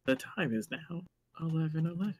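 A man putting on a dreamy distant voice that softly announces the time, the way a game voice echoes in his head. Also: on the high side, expressive, voice pushed up. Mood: eerie. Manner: soft, drawn-out, echoing in the head.

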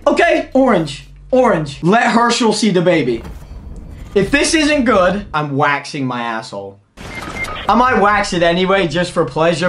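A young man giving loud, crude, excitable commentary while opening packs in a game, swearing often. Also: sits high, slight background noise. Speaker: gaming YouTuber.

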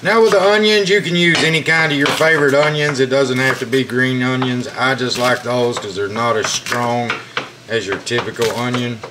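A man's voice: medium pitch, fairly even intonation, normal speed. Folksy man cooking at home. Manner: folksy, chatty, says y'all. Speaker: family vlogger and home cook. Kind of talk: casual home cooking vlog. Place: home kitchen, indoors. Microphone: handheld camera mic. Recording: noisy home kitchen audio.

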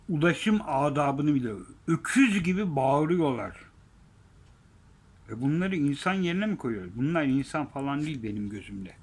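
A man in a heated, profane rant, repeating himself and swinging between loud outbursts and low mutters. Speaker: vlogger. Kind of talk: angry ranting monologue.

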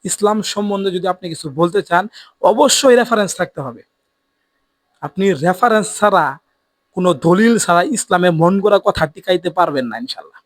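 A man's voice: high-pitched, lively intonation, normal speed, no room sound. A man, giving an earnest religious lesson and repeating his points for emphasis. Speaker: Islamic preacher. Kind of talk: religious teaching talk to camera.

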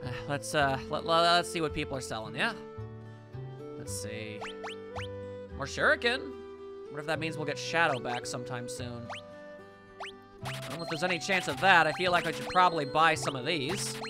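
Lively, musing video game player over game music. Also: medium pitch, normal speed, long pauses. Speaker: let's play host. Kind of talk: casual video game commentary.

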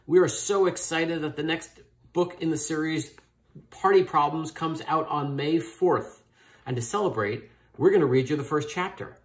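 A man who co-wrote a children's book series, reading it aloud in an upbeat, expressive storytelling manner. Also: a little high, normal speed. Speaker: book co-author.

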